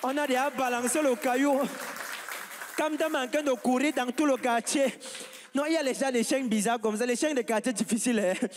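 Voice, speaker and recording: A man doing stand-up and introducing acts on a comedy stage, animated and hyping up the crowd. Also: very high-pitched, a little fast, slight background noise. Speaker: comedy show host. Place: large stage with live audience. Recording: live stage sound with long reverb.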